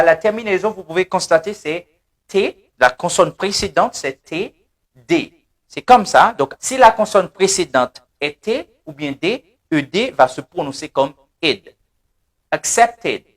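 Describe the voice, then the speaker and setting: A man teaching English pronunciation in French, repeating words slowly and drilling the class. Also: a little high, fairly bright tone. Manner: switches between French and English. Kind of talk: pronunciation lesson.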